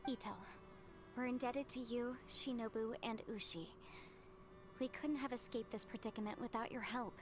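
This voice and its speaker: A woman's voice: on the high side, fairly even intonation, moderate pace, noisy background, lightly acted. A woman voicing a polite, upbeat, capable young woman in a video game, speaking articulately. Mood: sincere, apologetic. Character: bright, courteous, capable young woman, friendly and grateful.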